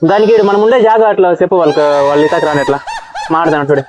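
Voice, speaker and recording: A man with a high voice talks fast and coaxes, pushing someone to speak up on a family phone call. He sounds like he is on a phone set to speaker, with busy crowd chatter behind him. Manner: coaxing, urging the other to speak louder. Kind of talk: casual family phone chat.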